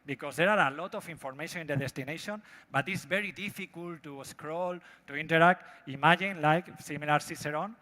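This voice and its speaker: A man from Spain with a Spanish accent, a native Spanish speaker giving a live product pitch in broken, halting English. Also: pushed and bright. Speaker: startup presenter pitching a product. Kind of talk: live pitch presentation with demo. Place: large event hall. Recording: echoey hall with long reverb.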